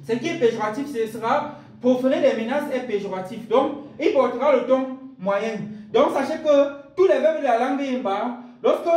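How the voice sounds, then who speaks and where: High-voiced man teaching in an echoey room. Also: a little mellow, distant mic. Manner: explains step by step with repetition, addresses viewers directly. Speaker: language teacher. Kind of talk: spoken language lesson.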